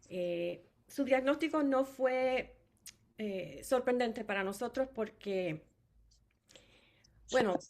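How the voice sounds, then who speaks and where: A creaky, mid-range female voice carries a Puerto Rican Spanish accent as this middle-aged woman from Puerto Rico gives her personal testimony as a family caregiver. Fillers and restarts run all through it.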